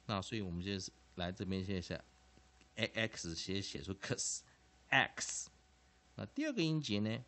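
Chinese-speaking guy teaching english sounds, low voice but bouncy, lots of little fillers, stretches words out. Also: big pitch swings. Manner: repetitive, drawn-out syllables, frequent filler particles. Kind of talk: classroom lesson explanation.

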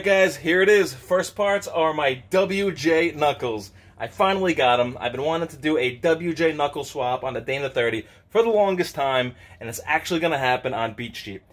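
Speaking at a moderate pace in a voice on the high side, a thirtysomething man hosts his casual vlog about car parts. He's recording in his home garage workshop on a handheld camera at arm's length, chatty, upbeat, and excited, with frequent laughs.

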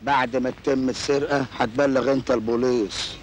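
A man's voice: medium pitch, fairly even intonation, fairly quick, natural voice. An actor playing a scheming, boastful con man, speaking with an Egyptian accent in an old film. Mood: plotting. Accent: Egyptian Arabic. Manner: boastful, cocky, teasing. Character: scheming smooth-talking male con man. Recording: echoey film soundtrack with hiss.

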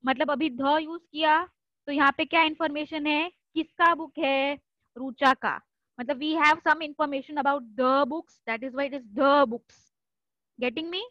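A woman's voice: sits high, fairly even intonation, takes it slowly, no room sound, muffled recording. A woman teaching an online French class, mixing Hindi and English, repeating pronunciations and quizzing students by name. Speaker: French tutor.

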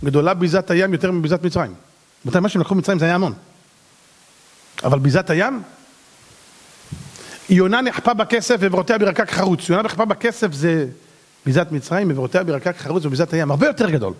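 A man with a high-pitched voice teaches a Torah lesson as a rabbi. He tells the story with energy, drops slangy asides, acts out the quotes and sometimes shouts. His delivery moves between loud and quiet. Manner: bursts into shouts.

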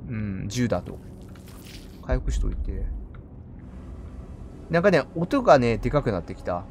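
A man commenting on a horror game as he plays, muttering quietly and breaking into loud startled outbursts. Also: medium pitch, sing-song, unhurried, noisy background. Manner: muttering to himself, then loud startled outbursts and apologies to monsters.

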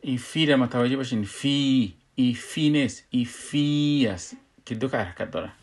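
Man drilling syllables slowly. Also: medium pitch. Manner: drills syllables one by one, drawing out recited words slowly. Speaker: tajweed teacher. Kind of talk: recorded lesson.

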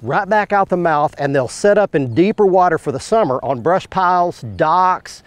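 Brief: middle-aged male fishing host, slightly high voice, dry close sound, teaching from a boat outdoors with quick excited asides. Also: no echo. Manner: explanatory, bursts into excited asides on catches. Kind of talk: on-the-water fishing instruction.

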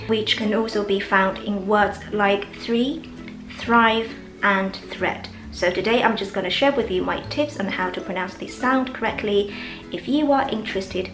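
Woman teaching English pronunciation, echoey room. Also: medium pitch. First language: Chinese. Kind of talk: pronunciation lesson. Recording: echoey room with faint music.

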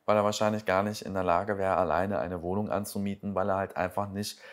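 A man's voice: deep voice, level tone, fairly quick. A man giving casual reaction commentary, sarcastic and exasperated, rambling as he picks apart what he watches.

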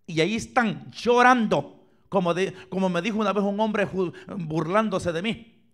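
A man preaching a sermon in a church, asking the congregation questions and swinging from loud cries to near-whispers. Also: high voice, normal speed. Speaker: pastor. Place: church sanctuary, filmed for online viewers.

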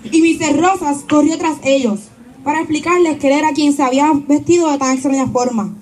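High-voiced woman storyteller, noisy stage recording. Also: steady tone, brisk, a little mellow. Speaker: narrator in an amateur stage play. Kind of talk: theatrical storytelling narration. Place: outdoor tented stage at night.

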